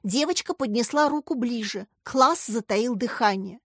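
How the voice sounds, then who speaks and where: A woman narrating a children's story in a lively, expressive manner. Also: on the high side, normal speed, no echo, studio quality. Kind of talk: storybook reading.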